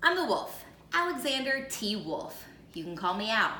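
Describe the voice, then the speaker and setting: An aggrieved, folksy storybook wolf, played by a woman with an American accent tells his side in a bright, highly animated voice. He is chatty and full of self-justification, heard in an echoey room. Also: moderate pace. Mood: chatty, self-justifying. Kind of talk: animated first-person storybook read-aloud. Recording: roomy echo with faint noise.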